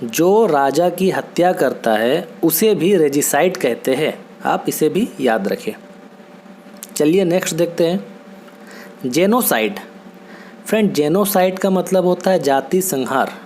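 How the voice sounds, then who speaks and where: A man teaching English words in a steady, patient lesson, often checking in with his listeners. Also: on the high side, a little slow, a little hiss or hum. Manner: patient, repetitive, checks in with "theek hai?". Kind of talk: Hindi-language vocabulary lesson.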